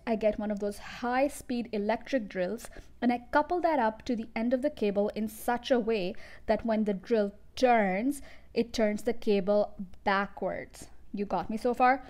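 Woman doing a loud bragging crook dad. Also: on the high side, lightly acted. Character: boastful crooked car-dealer father, loud and smug. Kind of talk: storybook reading.

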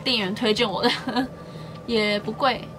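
A young woman speaks in a bright, fairly high register. She talks in an upbeat, casual way and doubles words for emphasis. Music plays clearly behind her. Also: fairly even intonation, measured pace. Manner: chatty and upbeat, often stresses words by doubling them. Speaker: beauty and shopping vlogger. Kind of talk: casual haul vlog chat.

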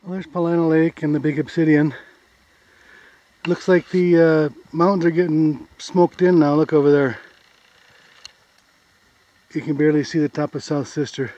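Filming a trail video outdoors, an American-accented hiker casually narrates a forest hike, pointing out sights as he walks in an easygoing, plain way. His warm, fairly high voice is steady and moderately paced, with long pauses. The camera audio is dull and lo-fi.

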